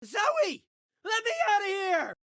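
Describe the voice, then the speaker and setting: A man's voice: very high voice, slow pace, no room sound, clean studio sound, heavily acted. An actor playing an eager, lovesick, awkward young male bodyguard in a video game. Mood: frantic yelling. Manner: excitable, awkward, hammy. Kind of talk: animated video game character acting.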